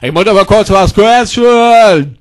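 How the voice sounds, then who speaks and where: A brash, crude loudmouth voiced by a man barks in a high, raised voice. He is rude, boastful and impatient, and he mangles English words into his German. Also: lively intonation, moderate pace. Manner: loud, rude, mixes broken English into German. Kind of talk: comedy sketch acting.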